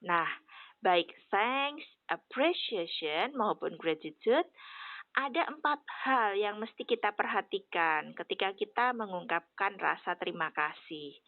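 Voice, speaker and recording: A woman teacher explaining English phrases in a clear, instructive way. Her voice comes through a narrow, tinny channel. The room sound is dry and close. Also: mid-range voice, lively intonation, a little slow, dry recording.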